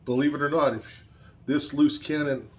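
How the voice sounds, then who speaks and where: A man's voice: a little high, fairly even intonation, normal speed. A man angrily ranting in a vlog, swearing constantly and repeating points for emphasis. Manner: angry, profane, heated. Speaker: vlogger.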